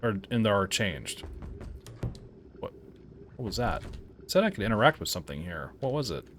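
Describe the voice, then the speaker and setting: A man with a low voice talks through a horror game, thinking aloud. His delivery swings widely in pitch, from puzzled mutters to startled yelps and laughs, over a faint background hiss. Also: sing-song, moderate pace. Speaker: game reviewer playing a horror game. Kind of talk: casual let's-play commentary.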